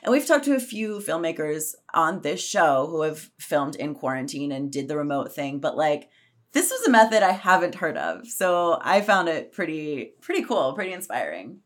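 Woman, podcast co-host, somewhat low voice, enthusiastic, casual chat. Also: sing-song, moderate pace. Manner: enthusiastic, chatty, uses "like" often.

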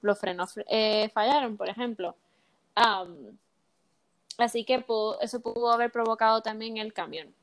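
A woman's voice: on the high side, fairly even intonation, moderate pace. A young woman casually telling a true-crime case in a chat podcast, slipping English words into her Spanish.

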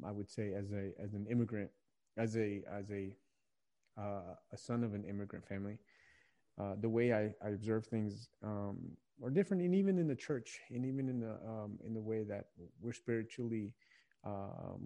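Speaking at normal speed in a fairly low, dark voice, this young Virginian man guests on a podcast interview. He leads a young adult ministry and comes across as earnest and reflective, frequently restarting phrases as he hunts for the right words.

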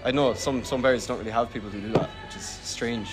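Young male bartender type, west of Ireland accent, quick rambling casual delivery, music behind. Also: mid-range voice, fairly even intonation, poor audio. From Galway, Ireland. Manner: rambling, heavy use of "like". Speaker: bartender interviewed as guest. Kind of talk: casual chat. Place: in a bar.

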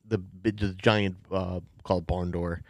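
A man's voice: low voice, level tone, measured pace, no room sound, studio quality. A man narrating and refereeing a tabletop role-playing game, rambling with many hesitations. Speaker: game master.

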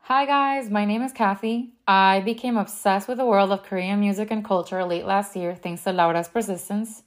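A woman with a Miami accent speaks as a podcast co-host. Her voice sits at a medium pitch, and she delivers scripted introductions in an upbeat way. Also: steady tone, normal speed. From Venezuela-born, raised in South Florida.

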